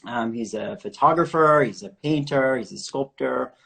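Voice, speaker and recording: A man's voice: medium pitch, normal speed, creaky, fairly bright tone. Chatty man hosting an art interview. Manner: friendly, chatty, asks questions. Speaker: host of an online art interview series. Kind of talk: casual interview over video call.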